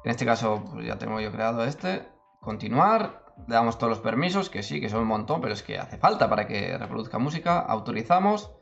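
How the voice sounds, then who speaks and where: A man's voice: medium pitch, lively intonation, a little fast, vocal fry, a bit bright, highs cut off. Chatty man with faint music. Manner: chatty, self-interrupting, many "¿vale?". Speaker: tutorial youtuber. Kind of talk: casual screen-recorded tutorial.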